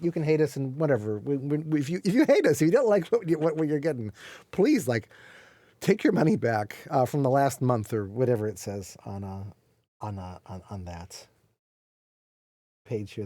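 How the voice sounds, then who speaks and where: A man's voice: mid-range voice, darkish tone, no room sound. A man walking through an online science course on screen in a casual, rambling way, who corrects himself and jokes as he goes. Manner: rambling, self-correcting, joking, laughs often. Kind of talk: casual screen-share walkthrough.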